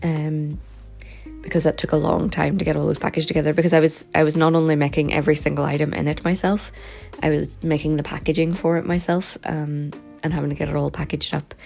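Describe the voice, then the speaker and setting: A woman with a low, gravelly voice, a bit hoarse and croaky, chats casually in a vlog about her work making stickers and journals. She talks quickly in a relaxed, rambling way with lots of ums, over soft background music.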